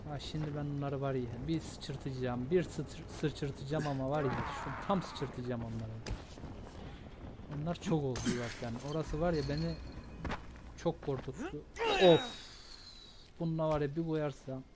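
A young man casually commenting on his own gameplay, talking slowly and breaking into loud shouts when fights start. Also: on the high side, heavy background noise. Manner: slow, drawn-out talk breaking into loud shouts during fights. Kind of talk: casual let's-play commentary.

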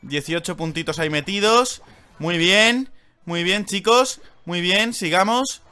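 A young man with a Spain Spanish accent commentates his gameplay on a live stream. Excitable, he swings between loud outbursts and low mutters, though his pace stays measured and the sound is clean.

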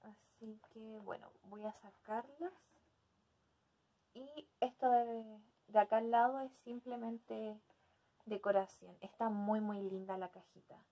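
A woman's voice: on the high side, fairly even intonation, slow pace, mellow. A young adult woman hosting a casual unboxing video, speaking with hesitant phrasing in a small indoor room. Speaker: video host.

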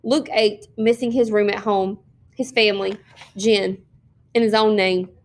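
A woman teacher reading a novel aloud, with steady, expressive narration and small slips. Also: medium pitch, measured pace. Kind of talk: read-aloud storytelling.

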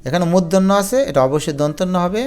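A man teaching a pronunciation lesson, slowly drawing out and repeating each word as he explains the spelling. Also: high voice, darkish tone, smooth.

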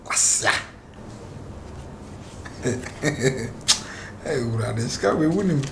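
A man's voice: medium pitch, lively intonation, extremely slow, creaky, noisy background, exaggerated voice. An actor playing a man who speaks in Twi with a Ghanaian accent, rambling. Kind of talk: comedy drama acting.

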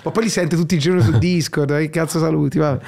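A man from Italy hosts a loose call-in chat, joking and teasing the people who ring in. His voice sits a little higher than most men's. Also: steady tone, fast, gravelly, a little mellow. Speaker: host. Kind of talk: casual radio call-in chat.

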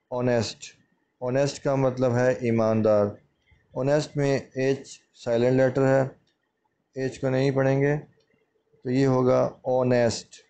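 A man teaching English pronunciation as a lesson, repeating each word slowly and explaining its meaning. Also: medium pitch, dark tone, clear, resonant tone.

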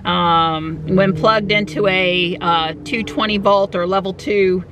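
A woman's voice: medium pitch, fairly even intonation, takes it slowly, noisy background. A woman talking inside a parked car, chatty and informal as she explains things in a casual vlog style. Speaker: electric car vlogger. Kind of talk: casual vlog narration to camera.

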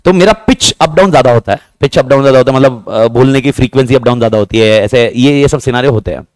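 A man teaching a class, talking fast and repeating himself, joking with his students. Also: mid-range voice, dry recording. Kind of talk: lively classroom lecture.

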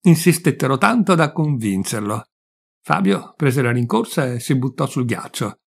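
A man narrating a short story in a measured, deliberate reading voice. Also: medium pitch, animated, creaky. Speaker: audiobook reader.

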